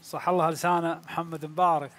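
A man's voice: fairly high pitch, level tone, fast, a bit bright. A man, a judge on a televised singing competition, giving courteous, praising feedback. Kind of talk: on-air critique.

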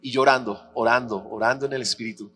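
A man preaching a sermon as pastor, telling personal stories animatedly and acting out the dialogue with shifting pitch. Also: steady tone, fast, a bit bright, faint music behind. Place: church auditorium. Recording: reverberant church hall with faint hum.

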